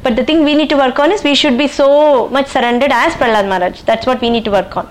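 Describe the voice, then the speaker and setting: A woman's voice: high voice, quick pace. A woman with an Indian accent leading an informal scripture class, explaining encouragingly and repeating key phrases.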